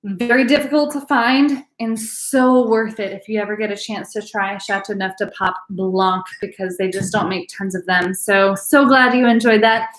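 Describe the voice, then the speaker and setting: A woman's voice: medium pitch, steady tone, normal speed, echoey room, low-quality recording. A woman teaching a live online wine class, chatty and bubbly, with many fillers. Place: home room, live video class.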